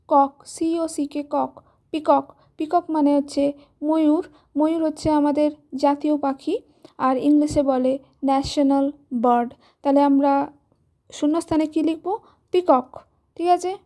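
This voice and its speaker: A woman with a Bengali accent gives a children's English lesson. Her voice sits high but sounds mellow and soft-edged. She is patient and spells each word out letter by letter, recorded close to the mic. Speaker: teacher.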